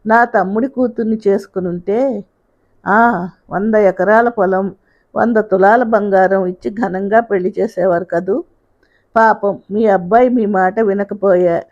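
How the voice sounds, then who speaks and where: A woman's voice: mid-range voice, darkish tone. A woman voicing a blunt, defiant young wife who answers her in-laws cuttingly in a storybook reading. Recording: dull lo-fi sound.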